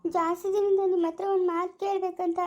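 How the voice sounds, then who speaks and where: Soft-hearted poor village woman, 30s, really high voice, teary and pleading, woman acting. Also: little pitch movement, fast, highs cut off. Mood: shy hopeful. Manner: pleading, tearful. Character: poor orphaned village woman, 36, gentle and hurt. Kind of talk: village family short drama.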